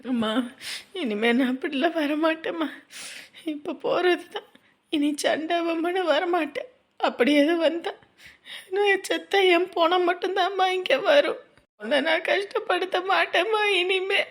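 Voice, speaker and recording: A woman's voice: sits high, measured pace, pauses often. Woman playing a tearful young married daughter. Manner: tearful, pleading. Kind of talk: village family drama acting.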